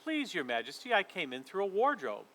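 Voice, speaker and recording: Timid boy read by a man, meek, hesitant, bright voice, storybook. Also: high-pitched, wildly swooping pitch, brisk, exaggerated voice. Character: timid, confused young boy.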